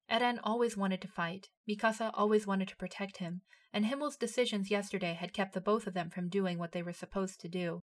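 A woman reads a story aloud in a steady narrating voice. She keeps an even, unhurried storytelling manner. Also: mid-range voice. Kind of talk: reading fan fiction aloud.

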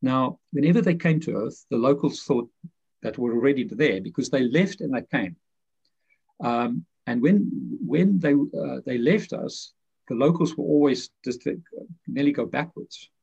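A man's voice: medium pitch, animated, a little slow, creaky, a little mellow, breathy edge. A man, a guest author, explaining his ideas in a rambling way full of fillers and restarts. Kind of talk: conversational explanation. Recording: muffled lo-fi audio.

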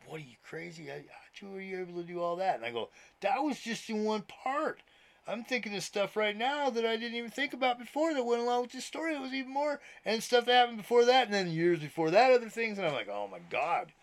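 A man of sixty, a minister hosting his own podcast, talking casually from home in a chatty, meandering way, swearing now and then and often laughing. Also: a little high. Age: 60s. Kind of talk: casual rambling monologue. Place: indoors at home, TV on. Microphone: laptop.

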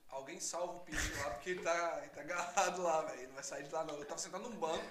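A man's voice: a little high, fairly even intonation, racing, echoey room, background noise. A young Brazilian man with a Brazilian Portuguese accent, telling a laid-back, slangy story to friends in casual chat. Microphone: phone recording.

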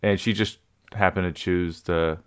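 A man's voice: low voice, fairly even intonation, unhurried, clear, resonant tone. A man co-hosting a podcast, talking about films in an easygoing, enthusiastic, joking way. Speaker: podcast co-host. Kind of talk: casual movie review chat.

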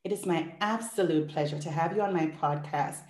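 A woman's voice: low-pitched, brisk, a little mellow, echoey room. A woman hosting a podcast, reading an intro in an effusive, rhythmic listing style and then interviewing a guest. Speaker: podcast host.

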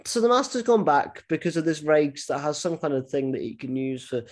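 A man's voice: fairly high pitch, big pitch swings, a little fast. A man hosting a casual podcast chat, talking animatedly with lots of swearing and false starts. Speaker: podcast host.

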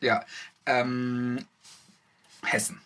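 A man's voice: mid-range voice, level tone, extremely slow, sharp tone, clear, resonant tone. A man in casual conversation, asking questions with frequent hesitations and fillers. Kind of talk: casual chat.

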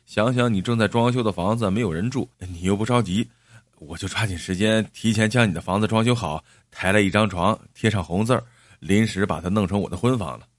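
A jittery young laborer who stammers and pleads, his voice sitting low and subdued, as a storyteller puts him on. The sound is dry and close. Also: brisk, no room sound, close to an everyday voice. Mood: nervous pleading. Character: young male migrant worker, nervous and apologetic.

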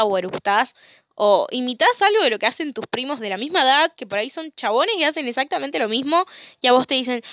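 A young woman with a Rioplatense accent rants through her solo podcast, animated and full of swearing. Her voice sits a bit high, recorded dry and close with no room sound. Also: no echo. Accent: Rioplatense Spanish. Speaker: podcast host.

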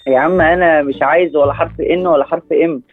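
A man's voice: on the high side, steady tone, quick pace, a loud crowd. A man from Alexandria with an Egyptian accent, talking skeptically on a prank call. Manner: skeptical, laughs off the caller. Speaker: prank call target, folk singer. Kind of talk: phone conversation. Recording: tinny phone line.

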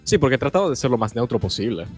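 A man from Italy, guest co-hosting a live stream, talks in rapid-fire bursts with a medium pitch that swings widely and a breathy edge. He's chatty, laughs frequently, and stammers and repeats words over faint background music.

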